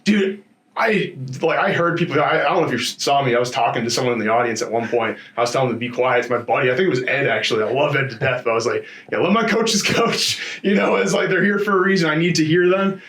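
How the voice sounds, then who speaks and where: An MMA fighter is interviewed casually after a bout. He tells his story in a rambling, animated way full of slangy asides, talking fast in a mid-range voice.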